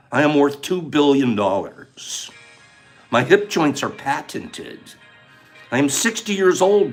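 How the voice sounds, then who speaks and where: Male livestream host, casual chat, lively swooping pitch, slightly high voice, faint music behind. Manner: animated, chatty, reading out viewer names.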